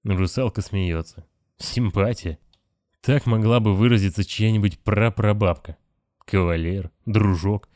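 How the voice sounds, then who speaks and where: A man reading a novel aloud as narrator, steady and measured. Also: fairly low pitch, no echo, studio quality. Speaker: audiobook narrator. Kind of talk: scripted narration.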